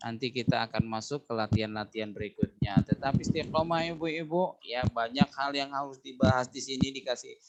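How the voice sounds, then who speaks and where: A man's voice: medium pitch, fairly quick, few pauses, heavy background noise. A man with an Indonesian accent teaching an Arabic class online, patiently drilling words and stretching out each example.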